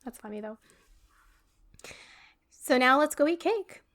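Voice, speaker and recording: A woman's voice: high voice, lively intonation, a little slow, fairly bright tone. A woman co-hosting a casual podcast chat, rambling with fillers and restarts. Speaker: podcast co-host.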